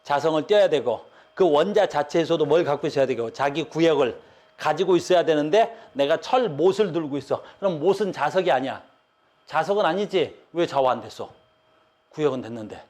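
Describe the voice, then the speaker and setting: High-voiced man teaching physics. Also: expressive, a little fast, darkish tone. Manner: repeats "봐" and "알겠니?" checks to students; casual speech, explaining with drawings. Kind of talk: online physics lecture.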